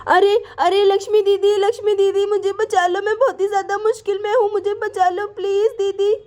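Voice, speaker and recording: A woman voicing a frightened young neighbour who pleads in a hurried, breathless way. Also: very high-pitched, flat delivery, mellow. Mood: panicky. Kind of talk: storybook voice acting.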